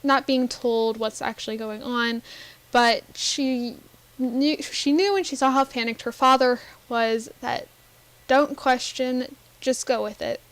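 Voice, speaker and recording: A woman giving casual, rambling commentary over a life-simulation game, giggling often and filling pauses with ums. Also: on the high side, steady tone, poor audio. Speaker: Sims gameplay narrator.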